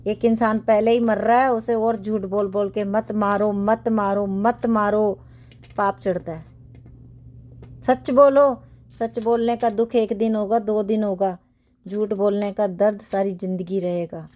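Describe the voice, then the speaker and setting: Slow-talking woman reading tarot cards. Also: medium pitch, flat delivery, darkish tone. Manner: earnest and preachy, repeats phrases, mixes in English affirmations. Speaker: tarot reader. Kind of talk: casual tarot reading for viewers. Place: home bedroom, cards spread on a bed.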